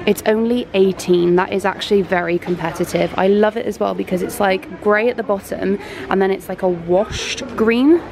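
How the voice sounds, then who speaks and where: A woman's voice: medium pitch, vocal fry. A young British woman chatting casually about bargains while filming herself shopping in a large store. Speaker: home shopping vlogger. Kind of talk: casual shop-with-me narration. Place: large indoor homeware store. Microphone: handheld camera. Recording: noisy store ambience.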